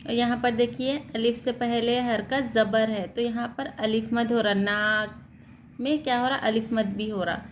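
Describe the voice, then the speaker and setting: A woman teaching Quran reading, asking questions and answering them herself, then spelling out and reciting words slowly. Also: a little high, flat delivery, slight background noise. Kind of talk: step-by-step recitation lesson.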